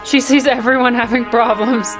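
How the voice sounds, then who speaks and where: A woman's voice: a little high, steady tone, moderate pace, music in the background. A woman playing a tabletop game, playful and laughing a lot. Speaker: player. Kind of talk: casual tabletop game play.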